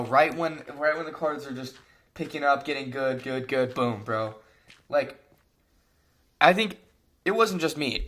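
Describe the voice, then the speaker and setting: A young man giving a casual fight breakdown, talking animatedly and exasperatedly, filling his sentences with slang. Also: mid-range voice. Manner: animated, frequent "bro", exasperated rants. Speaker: MMA commentator.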